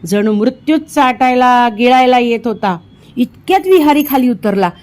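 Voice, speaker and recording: A woman with a slightly high voice reads a children's storybook aloud in a quiet room. She narrates with feeling and performs the characters' lines herself, raising her voice when danger comes. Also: moderate pace. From India. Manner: expressive, voices the dialogue with rising pitch in tense moments. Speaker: audiobook reader.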